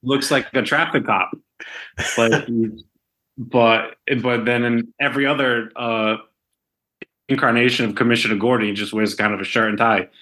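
A man's voice: mid-range voice, fairly even intonation, normal speed, sharp tone. A man co-hosting a podcast, talking casually about a film in a hesitant way, full of fillers. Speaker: podcast co-host.

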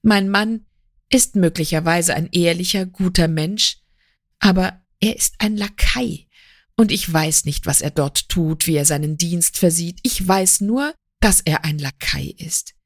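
A woman reading the part of a remorseful young wife, confessing in a slow, earnest, pleading way. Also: on the low side, dry recording, clean studio sound. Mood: anguished.

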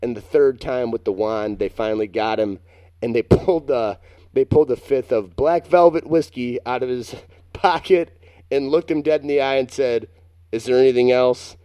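A man's voice: medium pitch, moderate pace, mellow, dry recording, clean studio sound. A young man co-hosting a casual chat, telling a long, rambling, self-mocking story. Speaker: podcast co-host.

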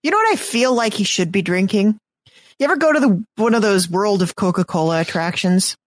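A woman telling quick, chatty anecdotes as a guest in a casual podcast conversation. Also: medium pitch, animated, dry recording. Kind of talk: casual chat.

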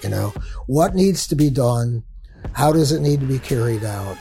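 A man's voice: mid-range voice, animated, normal speed, gravelly, warm tone. Blunt investigator guy, keeps restarting sentences, faint music. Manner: blunt, repeats words and restarts. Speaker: cold case investigator. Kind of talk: candid interview.

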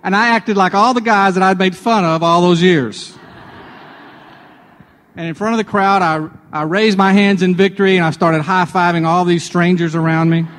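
Radio guy telling a devotional story, kinda high voice, chatty, lots of echo. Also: fairly even intonation, normal speed, a bit bright. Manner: chatty, self-deprecating, with restarts. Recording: long hall reverb.

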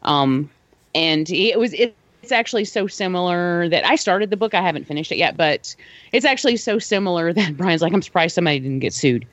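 A woman co-hosting a podcast, chatting casually about films, laughing often. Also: low voice. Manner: animated, laughs often, restarts. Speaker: podcast co-host. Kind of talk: casual film review chat. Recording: dull dry lo-fi sound.

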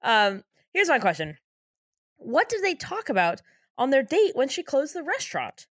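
A woman's voice: sits high, huge pitch swings, moderate pace, fairly bright tone, no echo, clean studio sound. A young woman co-hosting a casual chat, wry and teasing as she recaps a TV show. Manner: wry, teasing, laughs often, swears casually. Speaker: podcast co-host.

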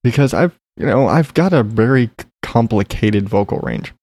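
Still stuffed up after an illness, a man talks loosely on his casual solo podcast, using lots of fillers and casual swearing. His mid-range voice is expressive and a little mellow, at normal speed, with no room sound.

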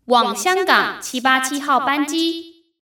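A woman teacher reading flight notices as a female airport announcer, in a formal, measured way, as if over an airport intercom. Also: high voice, lively intonation, sharp tone, full character voice. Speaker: Chinese teacher. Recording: roomy, distant-miked echo.

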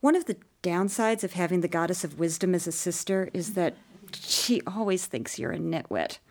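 Low-voiced woman reading a story. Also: expressive, normal speed, a little mellow, slight background noise. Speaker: audiobook narrator. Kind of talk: scripted first-person narration.

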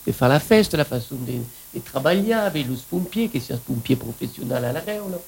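Husky man with a southwestern French accent. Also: medium pitch, animated, brisk, low-quality recording. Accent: southwestern French, Occitan-tinged. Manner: rambling, enthusiastic, switches between French and Occitan. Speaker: radio host. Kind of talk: casual radio chat.

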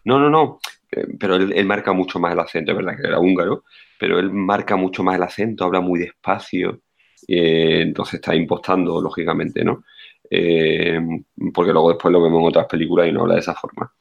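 A man's voice: sits low, steady tone, a little fast, gravelly, lo-fi sound. A man, co-hosting a podcast and giving blunt, opinionated takes on a film in casual talk. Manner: blunt, opinionated, restarts often. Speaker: podcast co-host.

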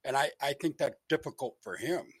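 A man's voice: medium pitch, animated, moderate pace, husky, dry recording. Australian man on a fading, crackly phone line. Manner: hesitant, firmly opinionated. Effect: crackly phone line that fades in and out. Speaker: caller. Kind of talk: sports talk call-in.

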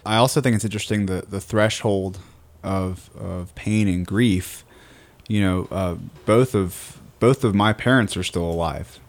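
A man's voice: deep voice, unhurried. A man talking through his thoughts in a casual chat, with many fillers and repeated words.

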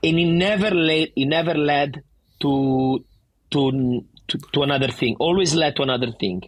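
A middle-aged Italian bar owner with a thick accent speaks animatedly and emphatically in a casual interview, often restarting his sentences. His voice is slightly high, at a normal speed, with no room sound.

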